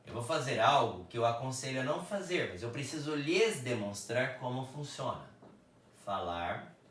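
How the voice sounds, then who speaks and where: A man with a Brazilian Portuguese accent teaching a grammar lesson, slowly and deliberately drawing out each verb form as he writes it. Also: medium pitch, animated, fairly bright tone, far from the mic, slight background noise. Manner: slow and deliberate, stretching out each verb form while writing. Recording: echoey room, voice off-mic.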